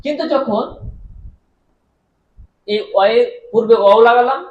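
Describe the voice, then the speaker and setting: A man teaching Arabic grammar to a class. He repeats key terms, quizzes his students with questions he answers himself, and draws out his example words slowly. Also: very high voice, highs cut off. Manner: drawn-out, deliberate pronunciation of example words. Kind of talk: classroom lecture. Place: madrasah classroom. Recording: echoey room.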